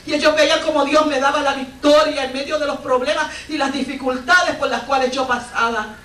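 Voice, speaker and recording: A woman's voice: sits high, fairly even intonation, brisk, fairly bright tone, recorded from a distance, slight background noise. A woman missionary preaching a fervent Pentecostal sermon, telling a testimony with bursts of praise. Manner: fervent storytelling with exclamations of praise. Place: church sanctuary. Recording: echoey church recorded from afar.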